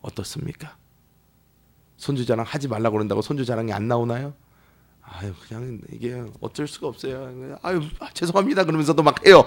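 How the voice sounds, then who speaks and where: A pastor preaching a sermon in a church, telling stories with lively, acted-out voices. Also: male voice, medium pitch, brisk. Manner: lively storytelling that acts out quoted people. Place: church sanctuary.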